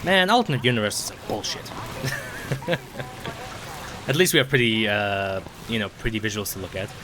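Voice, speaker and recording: A man's voice: fairly low pitch, moderate pace, noisy background. A young man streaming a video game, rambling in casual commentary with sarcasm, frequent swearing and stammered restarts.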